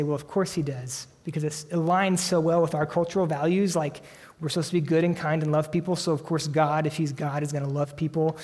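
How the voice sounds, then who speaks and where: A man preaching a sermon, earnest and emphatic, slowing down for dramatic weight on key phrases. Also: fairly high pitch, darkish tone. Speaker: pastor. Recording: long hall reverb.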